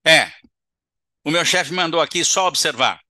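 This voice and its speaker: A man's voice: fairly high pitch, big pitch swings, fast, a bit bright, dry recording, studio quality, heavily acted. Man putting on a furious stubborn spirit. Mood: angry defiant. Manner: gruff, raised, clipped refusals. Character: angry defiant male spirit, stubborn and loud.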